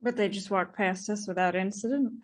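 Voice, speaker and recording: A woman's voice: mid-range voice, fairly quick. A woman playing a tabletop game, chatting casually and playfully with the group.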